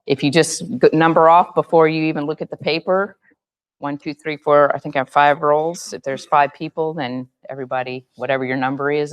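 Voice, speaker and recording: A woman who is losing her voice, giving a meeting group directive step-by-step instructions. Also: low-pitched. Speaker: meeting facilitator. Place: meeting room.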